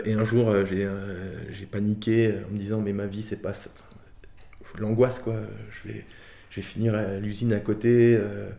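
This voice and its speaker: A Belgian man with a lowish, creaky, warm voice is a guest in an interview, sharing personal stories in a candid, informal, slangy way. The recording sounds dull, roomy and echoing.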